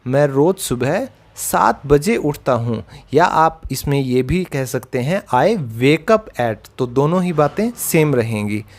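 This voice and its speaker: A man teaching English verb forms, explaining each word in a slow lesson and repeating example sentences twice. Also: on the high side, lively intonation. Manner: addresses viewers as children.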